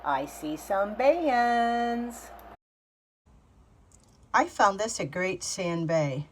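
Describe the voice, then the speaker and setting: A woman's voice: mid-range voice, animated, drawn-out words, slight background noise, rough recording. A woman vlogging casually outdoors on a lake beach, chatting and talking to her dog as she searches. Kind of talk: casual vlog narration.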